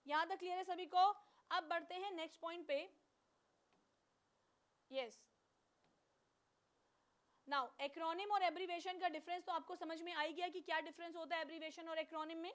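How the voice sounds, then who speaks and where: A woman's voice: very high-pitched, steady tone, moderate pace, pauses often, fairly bright tone. A woman teacher giving an online class, who asks questions and then answers them herself, and switches between Hindi and English.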